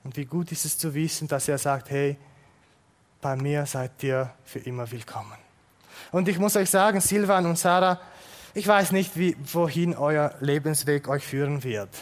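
A male pastor delivers a sermon. He speaks earnestly and often sinks into a soft, hushed tone. His voice sits slightly higher than most men's. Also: normal speed.

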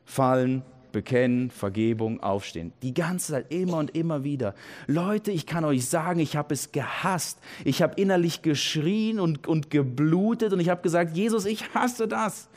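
A man preaching a sermon in an earnest, emphatic way, repeating key phrases and dropping his voice low for weight. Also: expressive, normal speed, a little mellow.

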